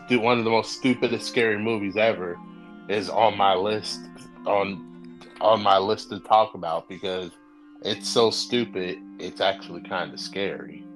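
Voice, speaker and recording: A man co-hosting a podcast, talking casually and excitedly, often wandering off into side notes. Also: fairly low pitch, measured pace, faint music behind. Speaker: podcast co-host. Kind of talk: casual chat.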